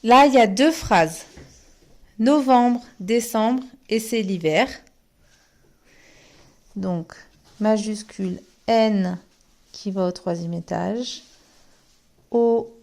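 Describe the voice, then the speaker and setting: A woman's voice: medium pitch, gravelly, a little mellow. A woman teacher giving a remote handwriting lesson, spelling out letters one at a time as she writes. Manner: slow, spells letters out one by one while writing.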